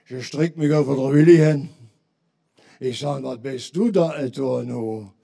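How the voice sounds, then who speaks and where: Husky Limburgish man telling carnival jokes. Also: medium pitch, a little slow, mellow. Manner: tells punchline jokes, acting out quoted voices. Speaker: carnival stand-up comedian. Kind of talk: carnival joke routine.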